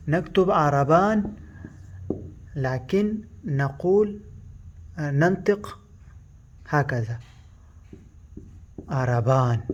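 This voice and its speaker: A man who speaks Pashto natively, teaching a language lesson in Arabic, explaining slowly, haltingly and with a lot of repetition. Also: a little high, darkish tone, muffled recording.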